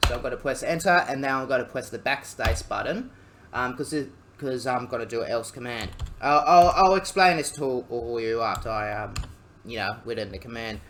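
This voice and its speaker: A young Australian man, a student, talking through a coding tutorial in a halting, casual way, full of ums and jokey asides. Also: medium pitch, a bit bright, a little hiss or hum. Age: young adult.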